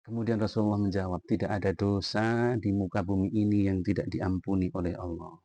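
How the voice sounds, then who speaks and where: A man's voice: deep voice, a little fast, no room sound. A man preaching a short sermon, telling a story and acting out its dialogue. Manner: animated storyteller, acts out dialogue.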